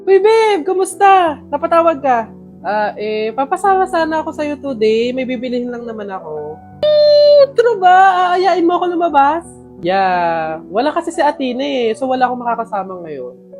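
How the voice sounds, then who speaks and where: A woman's voice: high-pitched, big pitch swings, moderate pace, darkish tone, soft background music. A woman with a Filipino accent, acting out a dramatic, whiny young woman in comedy skits with exaggerated delivery. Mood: chatty. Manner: exaggerated, overdramatic skit acting.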